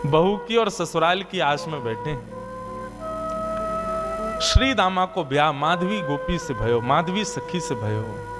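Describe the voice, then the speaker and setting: A man telling a devotional katha in a lively, animated way. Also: a little high, slow, pauses often, loud music behind the voice. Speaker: devotional storyteller.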